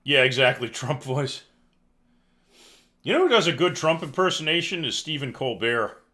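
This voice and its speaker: A man reads news headlines on a live stream, then breaks off to mock them with sighs and dry sarcasm. His voice has a bright, forward edge, and his pitch sits in an ordinary middle range. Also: big pitch swings, normal speed. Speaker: livestream news commentary host. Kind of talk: casual live news commentary.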